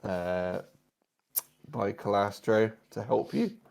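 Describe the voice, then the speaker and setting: A man's voice: lowish voice, steady tone, takes it slowly, gravelly, a little mellow. A man narrating a tabletop game as game master, descriptive and a little hesitant.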